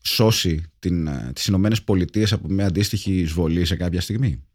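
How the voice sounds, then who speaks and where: A man's voice: low-pitched, darkish tone. A man co-hosting a casual film chat, playfully jumping in with remarks. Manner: playful, interjecting. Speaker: podcast co-host.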